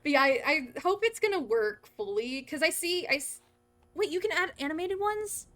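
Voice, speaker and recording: High-voiced, excitable woman livestreaming. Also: normal speed, faint music behind. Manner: excitable, giggly, prone to exclaiming. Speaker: game livestream host. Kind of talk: casual livestream chat while gaming. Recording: clear background noise.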